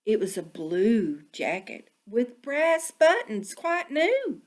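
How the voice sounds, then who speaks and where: Lady doing storytime for little kids, highish voice, really swoopy n expressive, careful phrasing. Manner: animated, deliberate phrasing for young children. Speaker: children's storytime reader.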